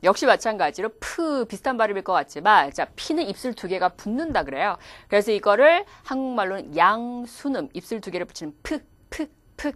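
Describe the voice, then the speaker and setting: A woman's voice: medium pitch, very animated, fairly quick, hardly any pauses, dry recording. A woman teaching English pronunciation in a video lecture, demonstrating words aloud as she explains.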